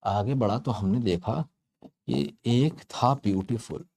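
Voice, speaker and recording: A man's voice: on the low side, slow pace, vocal fry, darkish tone, a little hiss or hum. A man teaching a grammar lesson in a chatty, storytelling way, playfully stretching out words to make a point. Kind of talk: explaining English grammar to learners.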